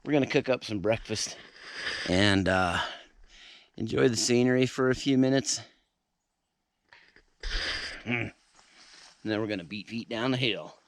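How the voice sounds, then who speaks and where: Slow-talking easygoing male camping vlogger. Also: on the low side, dry recording. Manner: easygoing, talks to viewers as "you guys". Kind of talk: casual camping vlog. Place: outdoors at a backcountry campsite.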